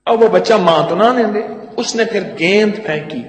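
High-voiced older man telling stories. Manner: animated storyteller, folksy asides. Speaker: herbal doctor giving a talk. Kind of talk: storytelling lecture. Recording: echoey hall with long reverb.

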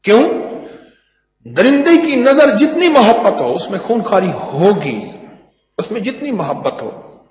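An older man, an herbal doctor telling stories in an animated, folksy lecture. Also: high-pitched, long pauses. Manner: animated storyteller, folksy asides. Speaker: herbal doctor giving a talk. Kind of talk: storytelling lecture. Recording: echoey hall with long reverb.

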